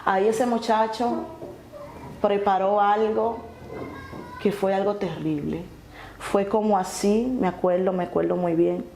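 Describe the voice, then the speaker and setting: A woman telling her testimony earnestly, halting and restarting often. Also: medium pitch, fairly even intonation, vocal fry, a little mellow. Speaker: guest sharing her testimony. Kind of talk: emotional personal testimony. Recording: echoey room with faint noise.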